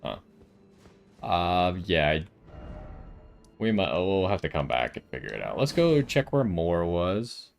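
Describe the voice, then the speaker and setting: A man's voice: sits low, sing-song, a little slow, vocal fry, long pauses, soft background music. A man giving casual gameplay commentary, thinking aloud and asking himself questions as he goes. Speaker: gaming video host.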